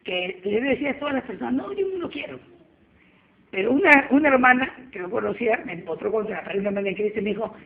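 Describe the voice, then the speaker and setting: A woman, giving a lively church testimony and acting out the dialogue as she tells it. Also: mid-range voice, rapid-fire, vocal fry, hardly any pauses. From Peru. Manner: animated storyteller acting out dialogue. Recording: tinny phone-like line with faint noise.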